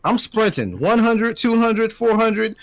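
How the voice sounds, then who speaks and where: A man's voice: high-pitched, very animated, measured pace, dry recording. A young man co-hosting a podcast, joking with emphatic repetition in casual chat. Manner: emphatic and joking, repeating lines for effect. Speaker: podcast co-host.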